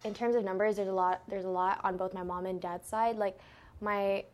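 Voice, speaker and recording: A young woman from Guam answering interview questions in a relaxed, hedging way, with lots of "like". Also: medium pitch, a little fast.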